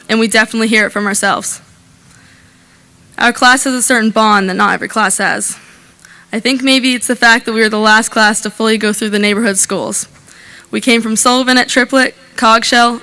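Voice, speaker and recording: A woman's voice: on the high side, sharp tone, smooth. A young woman, senior class president, giving an upbeat and proud speech into a podium microphone at an outdoor graduation. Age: young adult. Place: outdoor graduation on a school field.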